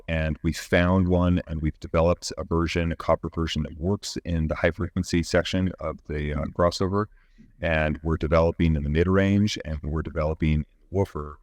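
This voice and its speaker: An executive with an extremely low, darkish voice answers interview questions, explaining engineering in measured, technical language that often stops mid-phrase. The recording is close and dry, with no room sound.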